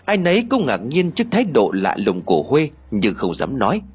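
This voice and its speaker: A man narrating a ghost story audiobook with expressive, dramatic storytelling. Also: mid-range voice, a little fast, slightly rough.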